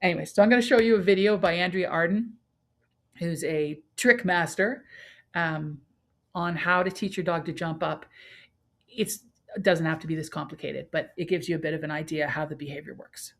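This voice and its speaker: A woman's voice: lowish voice, moderate pace, low-quality recording. A woman, a dog trainer presenting a webinar in a chatty way, now and then putting on playful voices for dogs.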